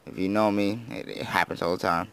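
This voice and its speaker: A man's voice: deep voice, steady tone, a little fast, fairly bright tone, clear, resonant tone. A teenage boy chatting casually over his gameplay, rambling and self-deprecating, who admits he slurs his words and has just woken up. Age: teens. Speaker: gaming YouTuber.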